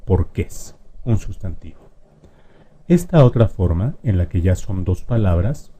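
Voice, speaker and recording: A man explaining spelling rules in a lesson, patiently addressing the viewer directly and drawing out example words slowly. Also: deep voice, very animated, mellow. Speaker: language teacher.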